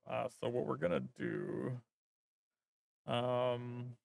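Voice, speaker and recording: A man's voice: medium pitch, sing-song, extremely slow, vocal fry, a little mellow, no room sound. A man streaming as a vtuber, chatting casually and thinking aloud while he works, rambling with lots of fillers.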